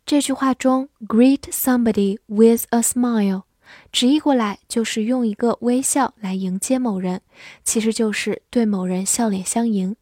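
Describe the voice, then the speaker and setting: A woman with a mellow voice on the high side leads a scripted English vocabulary lesson, spelling each word letter by letter and reading example sentences slowly. The studio-quality recording has no echo.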